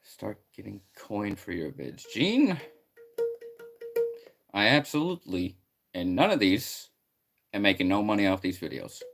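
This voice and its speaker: Low-pitched male streamer, excitable and rambling, loud greetings to chat. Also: normal speed, gravelly, soft background music. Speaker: live streamer. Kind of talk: casual live stream chat.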